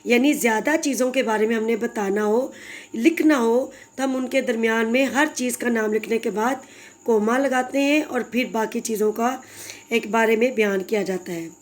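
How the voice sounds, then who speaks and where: A woman's voice: on the high side, normal speed. A woman teacher giving a patient, explanatory recorded grammar lesson to young children, addressing them fondly.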